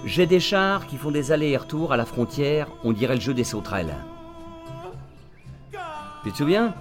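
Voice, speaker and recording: A man playing an irascible agent in a radio drama, blunt, sarcastic and bullying. His mid-pitched voice swings widely as he barks orders, with faint music behind. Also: big pitch swings, moderate pace, close to an everyday voice. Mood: irritated, offhand. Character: foul-mouthed, irascible, sarcastic male agent barking orders. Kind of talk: radio drama acting, phone-call monologue.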